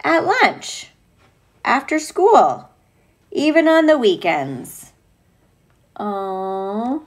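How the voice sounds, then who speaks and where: A female teacher reads a picture book aloud to young children very slowly in a voice on the high side. She's expressive and playful, breaking in with gushing, chatty asides.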